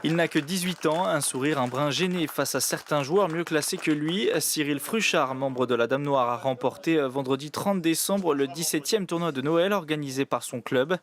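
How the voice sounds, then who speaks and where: A man narrating a local news report in a clear, paced scripted manner. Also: fairly high pitch, moderate pace, few pauses.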